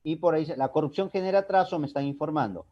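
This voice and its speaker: A man's voice: on the high side, rapid-fire. A man teaching a language class, explaining step by step and asking and answering his own questions. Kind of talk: recorded online class lecture. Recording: dull lo-fi recording.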